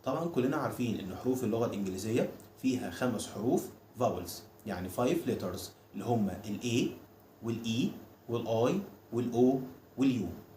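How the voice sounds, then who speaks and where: Fast-talking Egyptian man teaching English. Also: medium pitch, warm tone. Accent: Egyptian Arabic. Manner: slows down and spells out letters and words one by one. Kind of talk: explaining English pronunciation to viewers. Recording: echoey room with faint background noise.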